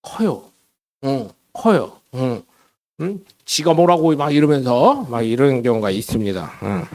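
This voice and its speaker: A man's voice: mid-range voice, expressive, unhurried, darkish tone. A middle-aged man preaching a casual, conversational sermon as a pastor in a church, often asking the congregation questions and acting out voices in quotes. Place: church sanctuary.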